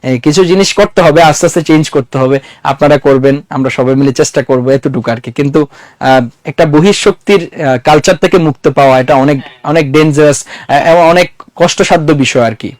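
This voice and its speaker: A man's voice: on the high side, fast talker, no room sound. A man lecturing a classroom in a conversational way, quizzing his students and mixing English words into his talk. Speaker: teacher.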